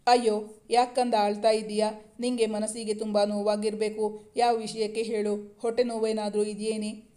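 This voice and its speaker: Narrator doing a fussing older mother-in-law in a storybook reading, mellow and even. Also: mid-range voice, moderate pace, close to an everyday voice. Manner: fussing, tender questions.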